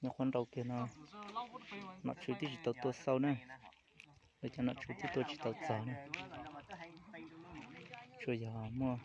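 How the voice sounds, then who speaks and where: Man talking over a loud crowd. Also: mid-range voice, fairly even intonation, normal speed, pauses often. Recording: muffled recording with crowd noise. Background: crowd chatter.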